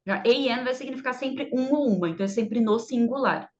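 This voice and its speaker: A woman teacher explaining English grammar in a chatty way, drawing out her English examples slowly and clearly. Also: fairly high pitch, a little mellow. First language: Portuguese. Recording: slightly dull, lo-fi sound.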